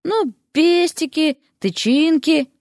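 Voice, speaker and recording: A woman's voice: a little high, lively intonation, brisk, no echo, clean studio sound, voice pushed up, close to an everyday voice. A woman voicing a young male student who teases and stumbles over awkward words. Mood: teasing.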